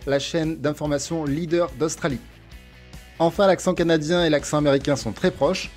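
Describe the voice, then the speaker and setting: A man teaching English test prep from France, reading a clear, methodical scripted explanation. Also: fairly high pitch, a little mellow.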